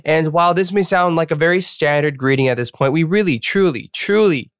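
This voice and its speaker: A young man co-hosting a podcast, chatting in an upbeat, playful, quick way. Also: a little high, smooth, no room sound, clean studio sound. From Atlanta, USA. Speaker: podcast co-host. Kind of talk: casual podcast chat.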